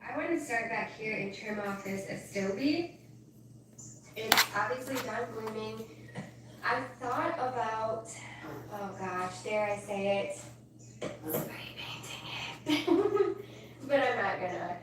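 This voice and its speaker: A woman's voice: fairly high pitch, unhurried, distant mic. A woman chatting casually as she gardens outdoors, rambling and breaking off mid-thought. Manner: chatty, rambling, self-interrupting. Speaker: gardening vlogger. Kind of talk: casual chat while gardening. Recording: roomy sound from off-mic with clear background noise.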